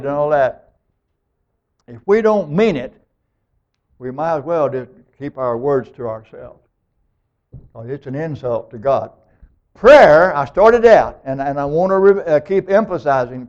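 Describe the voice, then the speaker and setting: Animated high-voiced male preacher. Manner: animated, emphatic, acts out scripture dialogue. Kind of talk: sermon. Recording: dull lo-fi recording.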